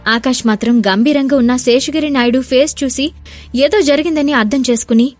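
Female narrator, high-pitched, Telugu accent, audio drama reading, faint music underneath. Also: fairly quick, dry recording. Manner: reads every part herself, raising her voice for shouted lines.

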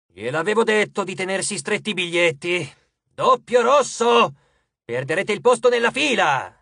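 A man voicing a grumbling, put-upon male Titan stuck at a dull post, curt and complaining, sometimes shouting. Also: high voice, lively intonation, normal speed, breathy edge, no echo, clean studio sound, full character voice.

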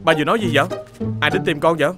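An actor playing a young restaurant owner, a defensive lovesick son, with a Southern Vietnamese accent. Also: male voice, on the high side, very fast, over music, close to an everyday voice.

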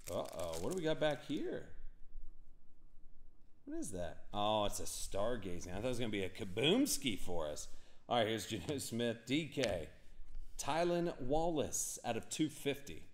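Excitable chatty man hosting a card break. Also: mid-range voice, moderate pace, a little hiss or hum. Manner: chatty, rambling, excitable, talks to chat viewers. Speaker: live card break host. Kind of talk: casual live-stream card break commentary.

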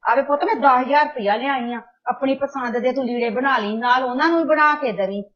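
A woman's voice: sits high, fast, lightly acted. A woman playing a caring but scolding older mother who hurries her married daughter along. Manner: urgent, scolding yet tender. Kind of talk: amateur family drama acting. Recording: dull, muffled recording.

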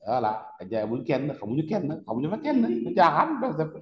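Man, Senegalese French accent, teacher quizzing students, emphatic repeats, lively pitch, roomy echoing hall. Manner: questions the class, repeats words, slow and emphatic. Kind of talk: classroom lecture with questions to students. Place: classroom. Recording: echoey classroom with long reverb.

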